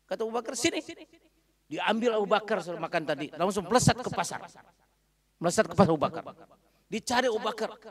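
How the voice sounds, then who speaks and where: A man with a fairly high voice preaches a storytelling sermon in a mosque hall. He is animated and dramatic, and his pitch and volume swing freely as the story builds. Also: fast talker, breathy edge.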